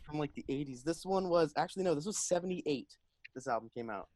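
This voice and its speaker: A man's voice: a little high, fast. Laid-back man listing old records. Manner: relaxed, rambling, lists album titles. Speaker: podcast co-host. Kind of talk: casual chat about vinyl records.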